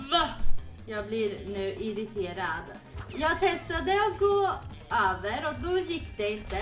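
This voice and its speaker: A young woman giving excitable let's-play commentary, shrieking and laughing, dropping English exclamations into her talk. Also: fairly high pitch, far from the mic. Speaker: gaming streamer. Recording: echoey room with game music behind.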